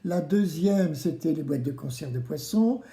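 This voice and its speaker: An animated children's craft presenter with a mellow voice that swings widely in pitch. They talk straight to the kids in a playful, theatrical way, asking them to answer back. The room adds a noticeable echo. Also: moderate pace. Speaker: presenter of a children's DIY video series. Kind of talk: children's craft tutorial, addressing kids directly. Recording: roomy, echoing indoor sound.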